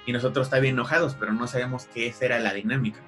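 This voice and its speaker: A young man with a Mexican Spanish accent telling a family story in casual chat, animated, jumping up in pitch to quote his relatives. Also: racing, soft background music. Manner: animated, jumps high when quoting relatives.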